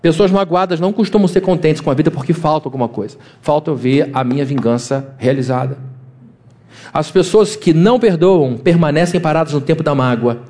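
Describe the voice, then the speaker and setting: A man preaching from the pulpit in a conversational sermon. His voice sits a little high for a man but sounds soft and mellow. He keeps breaking into quick acted-out voices that leap up in pitch. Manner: conversational preaching, acting out quoted voices with big pitch jumps. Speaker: pastor.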